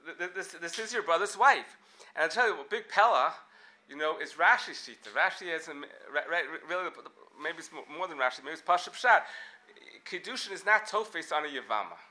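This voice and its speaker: In a fairly high-pitched voice, a man leads a laid-back Talmud lesson, puzzling things out aloud. Lively restarts and a steady stream of rhetorical questions mark his delivery.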